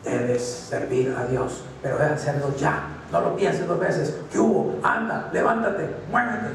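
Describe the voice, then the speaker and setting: A man's voice: a little high, very animated, a little slow, a little hiss or hum. A man voicing the devil as a pushy inner voice that hurries and presses. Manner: bossy, hurrying, pressing. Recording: echoey hall, distant mic.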